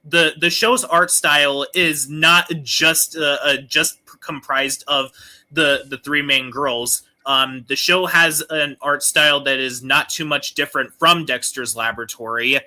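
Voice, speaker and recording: A man co-hosting a casual cartoon podcast, talking in a halting way with many ums and restarts. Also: fairly high pitch, steady tone, pushed and bright. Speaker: podcast co-host.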